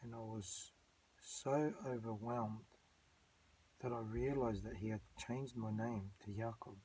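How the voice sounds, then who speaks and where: A man's voice: on the low side, steady tone, slow, mellow, a little hiss or hum, low-quality recording. A middle-aged man giving a personal religious testimony in an earnest, rambling way, with many fillers and restarts. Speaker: channel host giving his testimony.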